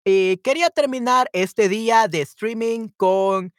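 A young Salvadoran man with a Salvadoran Spanish accent teaches Spanish during a casual live stream, chatting in a friendly way and tossing in English asides to himself. His voice is high-pitched and slow, captured as clean studio sound with no echo.

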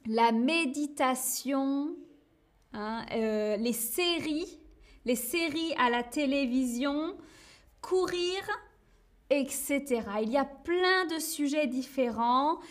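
A woman with a high voice explains things to learners at a very slow, deliberate pace. She repeats key words and leans on small fillers as she goes. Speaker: French teacher.

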